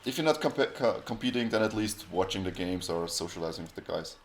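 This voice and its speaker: Rambling low-voiced podcast host, man. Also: lively intonation, fairly quick. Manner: rambling, frequent restarts and self-corrections. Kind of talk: casual podcast chat.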